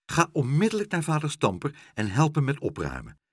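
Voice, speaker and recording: Calm, persuasive storybook doctor, read by a man, husky and dry. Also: fairly high pitch, fairly quick, no room sound, pitched above the performer's own voice, exaggerated voice. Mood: brisk. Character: kindly, calm, clever male doctor.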